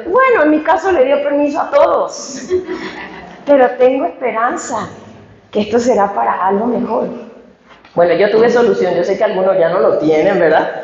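A woman from Paraguay who preaches and sings, telling a personal story in a lively way full of rhetorical questions. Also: on the high side, slight background noise. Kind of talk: sermon. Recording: echoey room, dull lo-fi sound.

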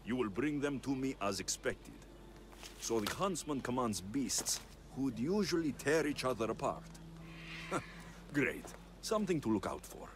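A man's voice: mid-range voice, big pitch swings, a little hiss or hum, close to an everyday voice. An actor playing a firm, commanding male mercenary hero in a video game. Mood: wry. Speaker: game protagonist.

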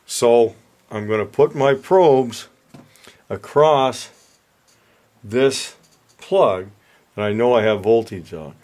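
An older man, an HVAC repair instructor, explaining a hands-on meter demonstration in a plain, folksy, unhurried way at a workshop bench. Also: medium pitch, darkish tone.

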